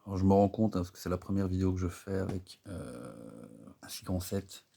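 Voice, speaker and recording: A man's voice: low-pitched, expressive, a little fast, creaky, warm tone, slightly rough. A man chatting casually while building a Lego set, rambling and hesitant, full of fillers and self-mocking asides. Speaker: Lego builder and video host.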